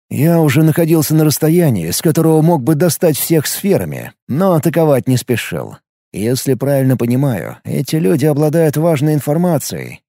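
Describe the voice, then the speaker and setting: A man reading a first-person audiobook story in a steady, measured way. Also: fairly high pitch, creaky, no echo, clean studio sound. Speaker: audiobook narrator. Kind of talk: first-person scripted narration.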